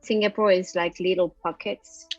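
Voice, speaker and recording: A woman's voice: lowish voice, steady tone, a little mellow, no room sound, faint music behind. Middle-aged French-accented woman, reflective interview guest, dry lo-fi sound. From France. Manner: thoughtful, pauses with fillers. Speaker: photographer guest. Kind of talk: casual interview over a call.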